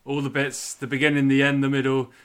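A man's voice: mid-range voice, completely flat delivery, brisk, smooth. A man hosting a podcast, chatting casually with playful, laughing banter. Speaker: podcast host. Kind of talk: casual chat.

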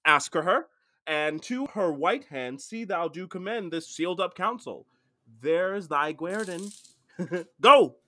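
A witty young lord, played by a stage actor, declaims his lines slowly and grandly while mocking himself. His bright voice swoops widely. He delivers Shakespeare with a laughing edge. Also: mid-range voice, expressive. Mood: amused, commanding.

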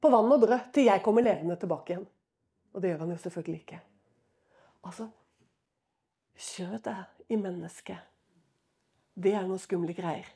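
A woman preaching a sermon, telling stories in a lively, casual way with everyday fillers. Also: mid-range voice, pauses often.

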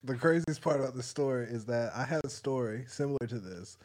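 A man's voice: medium pitch, a little fast, a little mellow. A man hosting a casual podcast chat, laid-back, reacting with short interjections.

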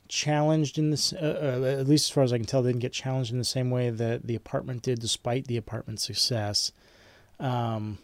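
A man's voice: mid-range voice, a little mellow, no echo. A man teaching a film studies class in an informal, rambling way, with frequent ums and restarts. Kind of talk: informal online lecture.

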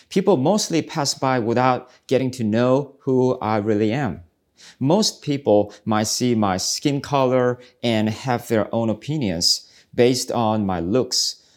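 A man's voice: medium pitch, darkish tone. A man, hosting a ministry podcast in an earnest, reflective devotional talk. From South Korea. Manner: earnest, searching, preacherly. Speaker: podcast host, ministry speaker.

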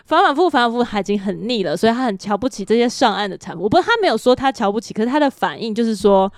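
Lady in her 30s chatting on a podcast, kinda high voice, talks really fast, dry close mic. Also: no echo. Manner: chatty storytelling, quick and animated. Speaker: podcast co-host. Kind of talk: casual chat.

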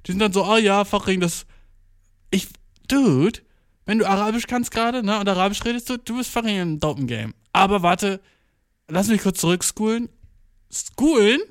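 A man's voice: high-pitched, animated, normal speed, smooth, no room sound, studio quality. A young man in a casual monologue, talking slangy and swearing a lot, with English words mixed in. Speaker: vlogger.

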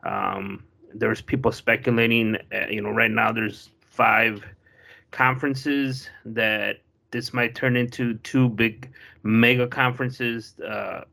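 A man's voice: mid-range voice, slow, gravelly, bright, forceful tone. A man co-hosting a podcast, talking casually and explaining things at length with many restarts. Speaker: podcast co-host.

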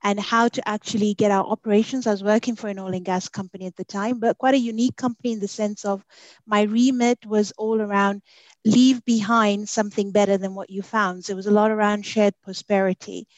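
A woman's voice: mid-range voice, steady tone, fairly quick. A woman from Kenya calls into an interview and talks in a friendly, conversational way. Her voice comes through a slightly muffled remote call line. The sound is dry, with no room echo. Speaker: guest, strategy professional. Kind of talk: interview answers.

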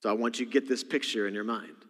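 Speaking fast with a low-ish, fairly even voice that's a bit bright, a Texas-accented senior pastor delivers a sermon packed with folksy joking and storytelling asides. Long reverb from the church sanctuary fills the recording.

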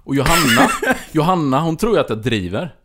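A man's voice: on the high side, very noisy. A man hosting a podcast, telling a story in casual chat and acting out what people said. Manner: animated storyteller, acts out dialogue. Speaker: podcast host.

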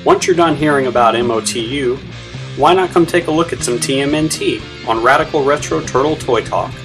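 A man presents a scripted podcast promo at a middling pitch. Guitar music runs clearly behind his voice. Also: brisk.

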